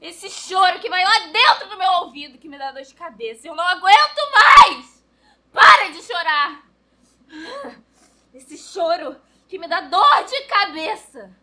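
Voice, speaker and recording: A woman's voice: very high-pitched, animated, normal speed, hardly any pauses, sharp tone, slight background noise, heavily acted. A woman playing a desperate young mother overwhelmed by a crying baby, screaming and sobbing in a stage monologue. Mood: desperate shouting. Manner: screaming, sobbing and laughing in anguish.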